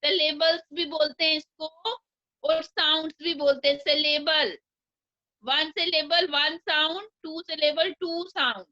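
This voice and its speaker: A woman teaching an online English class to young children, with an Indian accent, slowly breaking words into their syllables. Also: sits high, fairly even intonation, pushed and bright. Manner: slow, breaks words into sounds. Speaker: primary school English teacher. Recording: dull lo-fi online class audio.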